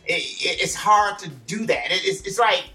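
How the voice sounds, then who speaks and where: A man's voice: sits high, moderate pace, pushed and bright, recorded from a distance, soft background music, poor audio. A man in a casual talk, rambling with many restarts and fillers as he works out his thoughts. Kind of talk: casual chat.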